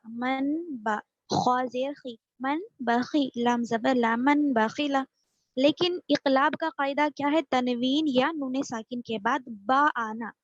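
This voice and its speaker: A woman teaching a Quran reading class online, slowly spelling out sounds syllable by syllable and often checking that her students follow. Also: sits high, no room sound. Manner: patient, drawn-out syllable-by-syllable spelling, frequent checking questions. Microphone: video call. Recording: dull, lo-fi video call audio.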